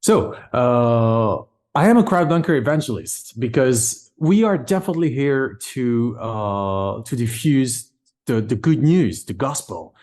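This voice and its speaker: A man's voice: mid-range voice, expressive, measured pace, darkish tone. A man from Morocco whose first language is French, answering interview questions with many fillers and restarts. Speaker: guest. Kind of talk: interview conversation.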